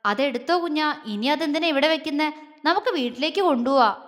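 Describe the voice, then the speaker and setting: A woman voicing a tender young husband who talks to his wife in a soft, affectionate, coaxing way. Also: high voice, expressive, fairly quick. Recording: long reverb.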